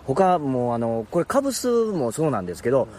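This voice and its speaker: A man with a Kansai accent hosting a casual on-location interview, chatty, with a lot of quick backchannel. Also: medium pitch, a little hiss or hum. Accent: Kansai Japanese. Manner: chatty, animated, frequent backchannel. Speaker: radio or TV host interviewing on location.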